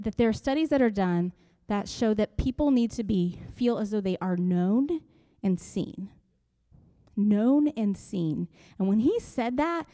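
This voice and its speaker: A woman pastor delivers a sermon with a somewhat high but mellow, warm voice. She talks in a conversational, earnest way and puts questions to her listeners. The sound carries a long church reverb.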